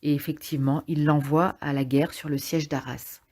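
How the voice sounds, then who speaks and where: A woman's voice: low-pitched, level tone, moderate pace, dark tone. A woman casually summarizing a play aloud, hesitant and thinking as she goes, with frequent fillers. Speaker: literature summarizer.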